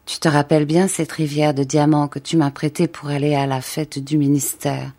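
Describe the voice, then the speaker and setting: A woman's voice: deep voice, little pitch movement, normal speed, dark tone. A woman reading aloud voices a worn-out, once-pretty poor wife, speaking plainly and earnestly.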